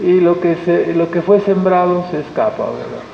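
A man's voice: high voice, animated, normal speed, creaky, a little hiss or hum. A man preaching a sermon as pastor with a Mexican Spanish accent, talking conversationally and acting out the voices of people he quotes. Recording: echoey hall, dull lo-fi sound.

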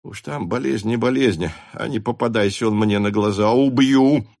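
A man voicing a hot-tempered male cavalry officer who shouts and blusters. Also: a little high, expressive, unhurried, pitched above the performer's own voice. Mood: blustering.

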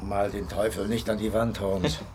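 An actor playing Dr Watson, a loyal, stubborn companion and storyteller, earnest and expressive, in a German radio drama. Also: male voice, lowish voice, normal speed, a little hiss or hum, lightly acted. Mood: wary, curious.

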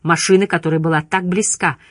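A woman narrates an audiobook in a steady storytelling manner. Her voice sits on the low side, recorded dry and close with no room sound. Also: fairly quick, no room sound.

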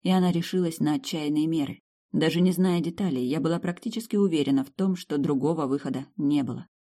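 A woman narrates a first-person audiobook in a calm, even storytelling manner. Her voice is low and mellow, with an unhurried, warm evenness. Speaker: audiobook reader.

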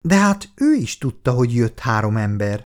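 A woman's voice: very animated, darkish tone. A man voicing a pouty young woman, lilting. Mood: affectionate. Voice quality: raised, lilting pitch. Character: young woman, affectionate, easily piqued partner.

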